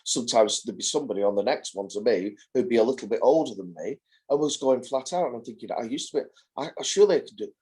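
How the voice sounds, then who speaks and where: A carer in his forties joins a casual support-group chat on a video call, speaking hesitantly and often repeating words as he restarts. His husky, darkish mid-range voice is lively in intonation and quick, with hardly any pauses.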